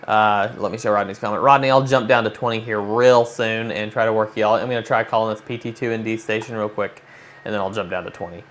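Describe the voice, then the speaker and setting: A fast-talking man with a lowish, steady, slightly bright voice hosts a hobby livestream. As an amateur radio operator, he walks viewers through a demo in casual chat, thinking aloud, over noticeable background noise.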